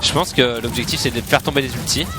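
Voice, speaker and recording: A man commentating a video game match live, calling fights like an excited announcer and repeating player names. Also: medium pitch, fast, music in the background. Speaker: esports commentator.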